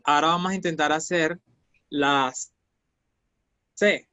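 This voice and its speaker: Man, language teacher, slow patient pace, slightly high voice, dry close sound. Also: fairly even intonation, fairly bright tone, dry recording. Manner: patient, repeats syllables slowly for students. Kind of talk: online language lesson.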